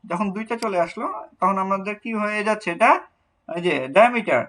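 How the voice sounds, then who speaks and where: A man's voice: high voice, brisk, a bit bright, poor audio. A young adult man with a Bangladeshi accent teaching an online class, explaining step by step and repeating key words as he answers questions.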